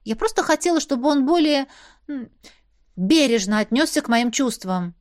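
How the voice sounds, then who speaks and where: A woman's voice: high-pitched, expressive, normal speed, voice pushed up. A woman voicing a young heroine who speaks heatedly and indignantly. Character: young woman heroine, hot-tempered and defensive.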